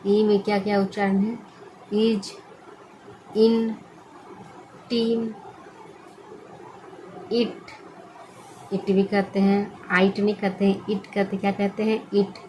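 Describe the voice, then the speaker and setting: Slow, flat-voiced woman teaching pronunciation. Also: medium pitch, slight background noise, low-quality recording. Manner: slow and flat, asks questions and answers them herself. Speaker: English teacher. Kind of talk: classroom-style pronunciation lesson.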